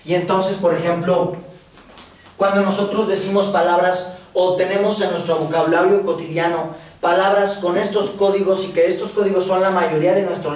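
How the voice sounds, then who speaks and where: A Mexican man teaches a class in a loose, slangy way, tossing questions out to the room. His voice sits high for a man. It sounds distant, with heavy room echo and a faint hiss underneath. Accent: Mexican Spanish. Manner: casual, slangy lecturing with filler words and questions to the audience. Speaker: course instructor. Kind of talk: classroom lecture. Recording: echoey room, voice from far off, faint noise.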